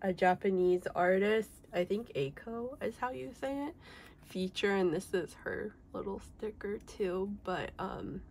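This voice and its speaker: A woman's voice: medium pitch, measured pace, a little mellow, slight background noise. A young woman chatting casually through a collectibles haul video, full of "like" and "um", her voice a little off because she is sick. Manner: chatty, many fillers like "like" and "um". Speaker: K-pop collector vlogger. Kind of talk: casual unboxing chat.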